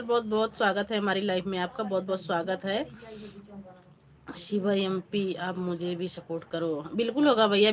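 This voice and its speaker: A woman hosting a casual live stream on her phone, chatting with viewers, greeting them by name and asking for likes. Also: mid-range voice. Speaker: livestream host.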